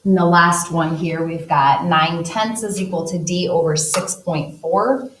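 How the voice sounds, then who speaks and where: A woman's voice: fairly low pitch, fairly even intonation, unhurried, fairly bright tone, slight background noise. A woman teacher talking through math problems step by step, working as she writes and uses a calculator. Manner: talks through steps while writing and using a calculator. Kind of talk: recorded math lesson. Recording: echoey room, voice a bit distant from the mic.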